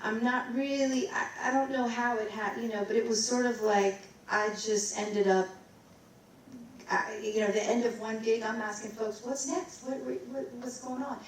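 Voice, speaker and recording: A woman's voice: fairly high pitch, flat delivery, normal speed, a little hiss or hum. A middle-aged woman from Maryland, a vocalist, telling her story in a rambling way and scatting bits of tunes. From Maryland, USA. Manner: rambling, scats and sings snippets. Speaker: guest vocalist. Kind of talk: casual onstage interview. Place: recital hall. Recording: roomy hall, distant mic.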